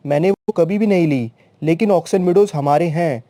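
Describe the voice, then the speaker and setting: A man voicing an anxious, stubborn young neighbor who shouts in arguments. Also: a little high, moderate pace, no room sound, clean studio sound, lightly acted. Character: anxious young male neighbor, touchy and hot-headed.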